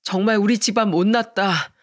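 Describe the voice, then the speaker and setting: A grown son torn between his mother and his wife, voiced by the storyteller, in a radio drama. He speaks earnestly and apologizes tenderly, in a middle-pitched voice. The recording is dry and close. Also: normal speed, dry recording, natural voice. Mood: apologetic, tender. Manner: earnest and pleading. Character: pleading, protective grown son and husband.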